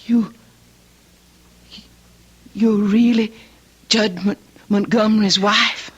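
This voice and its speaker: An actress playing a frightened but feisty young bride held captive, melodramatic and indignant in a radio drama. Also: female voice, medium pitch, little pitch movement, slow, lo-fi sound. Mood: shocked, indignant. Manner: breathy gasps, indignant, melodramatic.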